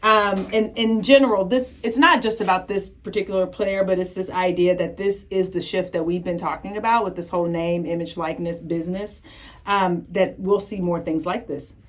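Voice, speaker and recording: A woman co-hosting a casual talk show, upbeat and quick to laugh. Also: fairly low pitch, fairly even intonation. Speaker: co-host. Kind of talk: casual chat.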